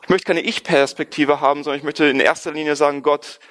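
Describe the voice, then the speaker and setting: Earnest German preacher, fairly high voice. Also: male voice, fairly even intonation, fast talker, a bit bright. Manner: earnest, emphatic, repeats phrases for stress. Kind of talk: sermon.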